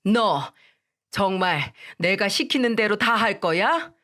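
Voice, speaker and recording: A cold, commanding mother-in-law lays down orders in a spoken radio story, as a woman puts her on. She talks deliberately, in a firm, scolding tone. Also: medium pitch, lively intonation, fairly bright tone. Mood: stern.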